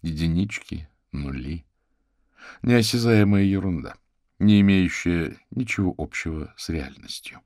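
A man narrates an audiobook in a measured, dramatic manner. His voice sits very low. The recording is dry and close, with no room around it. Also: lively intonation, a little mellow, no echo. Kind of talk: scripted narration.

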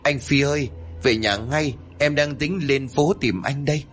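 A man's voice: mid-range voice, a little slow, faint music behind, pitched above the performer's own voice, close to an everyday voice. A man voicing a tearful young village girl who pleads and urges in a storybook reading. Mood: pleading. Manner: pleading, breathless urging.

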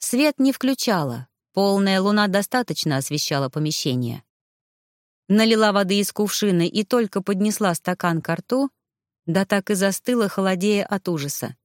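A woman reading a first-person fiction audiobook in an even, lightly dramatized storytelling manner. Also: mid-range voice, moderate pace, dry recording, clean studio sound. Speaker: audiobook narrator.

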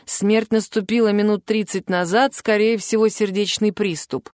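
A woman's voice: mid-range voice, fairly even intonation, normal speed, darkish tone, dry recording, clean studio sound, natural voice. A woman voicing a nervous, apologetic middle-aged man who is a pathologist. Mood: matter-of-fact. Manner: timid, apologetic.

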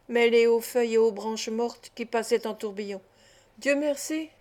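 Woman reader doing a warm, playful young Parisienne; affectionate, teasing, audiobook. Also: fairly high pitch, close to an everyday voice.

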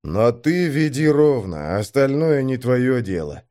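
A man's voice: mid-range voice, very animated, measured pace, warm tone. Man playing a hard, unsympathetic commander, clipped and cold. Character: cold, ruthless male commander.

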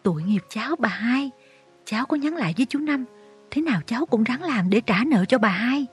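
A voice actor playing a frightened, meek young woman who pleads softly, in a story reading. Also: fairly high pitch, unhurried, soft background music. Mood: pleading. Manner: soft, pleading.

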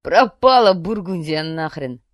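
A woman's voice: fairly low pitch, lively intonation, unhurried, dry recording. A woman reading the part of a crude, boastful male gangster boss, with coarse slang. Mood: smug.

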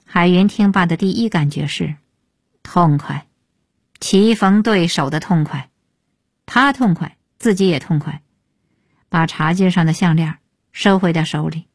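A woman narrating a novel for a radio audiobook in a measured, close storytelling manner. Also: on the low side, dry recording. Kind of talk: scripted novel reading.

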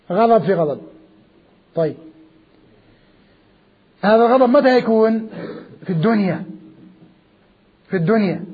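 A man's voice: high-pitched, slightly rough. A man giving a Quran commentary lecture, emphatic, repeating key words and asking rhetorical questions. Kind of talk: classroom lecture. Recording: dull lo-fi recording.

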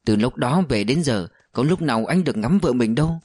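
A man reads a novel aloud in steady audiobook narration. His voice sits in the middle of the range, and the recording is dry and close with no room echo. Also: mid-range voice, a little fast. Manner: steady storytelling.

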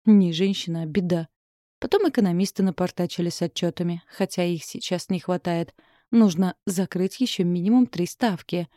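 A woman narrating an audiobook in a steady, measured reading. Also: on the low side, no room sound, clean studio sound.

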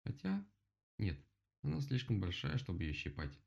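Man playing a cranky rabbit, irritable, raised pitch, gravelly, storybook reading. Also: wildly swooping pitch, normal speed, full character voice. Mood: grumpy. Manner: whiny and irritable, cries out. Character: grumpy, quick-tempered male rabbit. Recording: dull lo-fi recording.

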